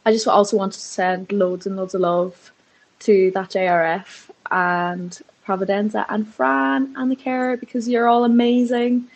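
A woman's voice: medium pitch, fairly even intonation, a little slow, poor audio. A woman leaving a casual, chatty voice message as a listener, affectionate, gushing and sweary.

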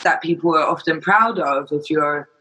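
A man's voice: a little high, moderate pace, bright, forceful tone, husky, rough recording. A man chatting casually and frankly, explaining his views and acting out imagined quotes as he goes. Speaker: charity volunteer. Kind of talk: casual chat.

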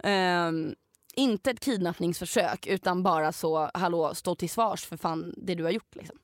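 A young woman, a podcast co-host, casually telling a story in an animated way, swearing freely and acting out what people said. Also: on the low side, no room sound, studio quality.

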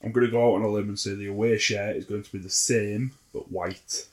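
Dry-witted podcaster. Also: male voice, lowish voice, fairly even intonation, fairly quick. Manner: dry, wry, drops volume at sentence ends. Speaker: podcast co-host. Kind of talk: casual chat.

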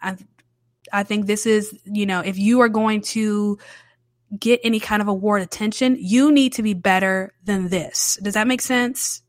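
A woman's voice: mid-range voice, steady tone, a little slow, no echo, clean studio sound. A woman hosting her own podcast, casually reviewing films in a candid, chatty way and often repeating herself for emphasis. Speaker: podcast host. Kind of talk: casual solo film review. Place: New Orleans.

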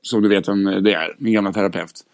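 A man's voice: deep voice, steady tone. Young man, podcast co-host, teasing and laughing, loose casual banter. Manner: joking, laughs often, swears casually. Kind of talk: casual chat.

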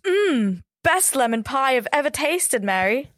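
A woman's voice: sits high, big pitch swings, a little slow, fairly bright tone, dry recording, studio quality, full character voice. A woman playing a hearty male dinner guest in an old-time radio-style mystery. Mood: jovial.

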